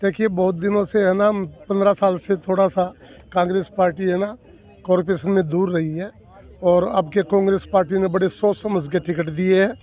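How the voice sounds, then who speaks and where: A man in his sixties from the villages of North Delhi, India, answers interview questions as an election candidate, earnestly and emphatically, repeating and listing his points. His voice is high-pitched and a little mellow, steady in tone, at a normal speed.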